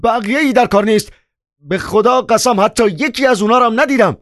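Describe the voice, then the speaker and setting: A frantic middle-aged building manager, as a male narrator plays him, yelling in a strained high voice far above a normal man's. The audiobook recording is dry and close. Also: dry recording. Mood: panicked. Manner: frantic shouting.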